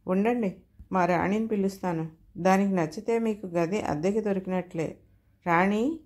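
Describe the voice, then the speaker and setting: A woman's voice: mid-range voice, normal speed, mellow, close to an everyday voice. Woman as a doting dog-loving landlady. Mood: proud. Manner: fond and proud. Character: doting middle-aged landlady, devoted to her pet dog.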